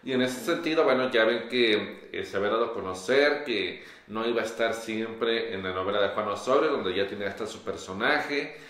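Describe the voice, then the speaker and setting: A young man co-hosting a gossip show, explaining in a measured way with "eh" fillers in a small studio. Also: lowish voice, fairly bright tone. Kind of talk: casual gossip chat. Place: small studio on a pink sofa. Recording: roomy echo.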